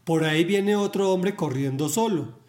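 A man's voice: high-pitched, moderate pace, a little mellow, close to an everyday voice. A man reading a watchful city sentry. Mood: alert.

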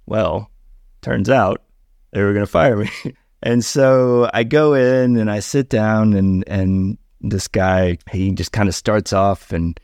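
A middle-aged man appears as a podcast guest, casually sharing a personal story and acting out the voices of the people in it. His voice is fairly low, steady, slow, and a little mellow, recorded at studio quality with no echo.

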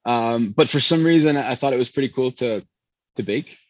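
A Spanish-first pastry chef, born in Chicago but brought up in Venezuela, rambles through long interview stories and keeps restarting himself. He speaks at a moderate pace with a medium pitch, captured in a dry recording with dull audio.

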